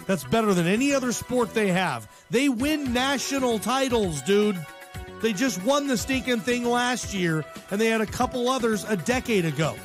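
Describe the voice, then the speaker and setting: Casual sports radio commentary comes from a high-voiced American host on his show, chatty, full of opinions and slang, and prone to repeating things for emphasis.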